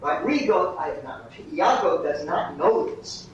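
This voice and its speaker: A man coaching actors through a master class, halting and repeating words as he explains. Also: on the high side, lively intonation. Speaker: acting teacher. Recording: distant echoey room, muffled, faint hiss.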